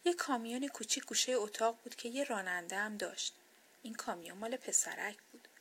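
A woman reading a children's bedtime story aloud, soft, gentle and expressive. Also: mid-range voice, a little hiss or hum.

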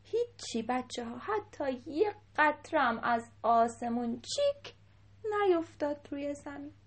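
A woman telling a children's story in a lively voice, dropping into whispers at times. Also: sits high. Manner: animated, dips into whispers.

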